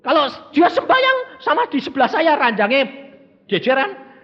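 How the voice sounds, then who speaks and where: A male preacher tells a sermon story, swinging between loud exclamations and low murmurs. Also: wildly swooping pitch, moderate pace. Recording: dull recording with long hall reverb.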